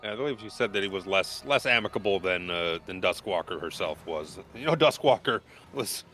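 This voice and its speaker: A man's voice: low-pitched, expressive, brisk, pushed and bright, faint music behind. A man speaking casually as the game master of a tabletop role-playing session, explaining rules and calling turns.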